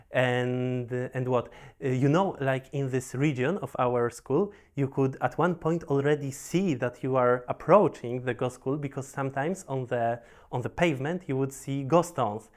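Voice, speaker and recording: Speaking with a Polish accent at a medium pitch, this young pro Go player from Poland tells his story at an easy, unhurried pace. His delivery stumbles along with frequent restarts, repeated words and lots of fillers.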